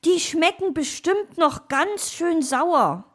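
A woman's voice: very high voice, lively intonation, slow pace, pitched above the performer's own voice, exaggerated voice. A woman voicing a friendly cat in a children's audio story who soothes others and adds meows. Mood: reassuring. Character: friendly young cat who says meow.

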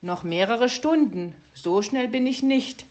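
A woman performs a picture-book raven, a prim, bookish male who tacks a croaked "Kra" onto each sentence. Her voice is a little high, mellow and pushed up, animated yet unhurried.

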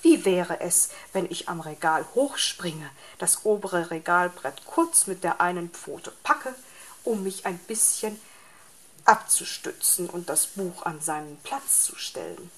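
A woman's voice: lowish voice, lively intonation, a little slow. A woman voicing a boastful, sporty male fox who grumbles and pities himself in a storybook. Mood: self-encouraging. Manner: grumbling, self-pitying.

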